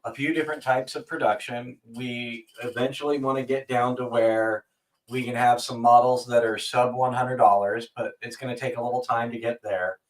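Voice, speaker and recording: A man's voice: mid-range voice, recorded from a distance, poor audio. A man co-hosting a casual livestream, giving laid-back answers to viewers. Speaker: co-host of a knife company livestream.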